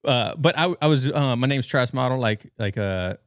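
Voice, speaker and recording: An American man in his thirties from the western United States appears as a podcast guest, telling stories in a casual, rambling way from his bedroom at home. His medium-pitched voice is expressive at a normal speed, and the studio-quality recording has no room sound.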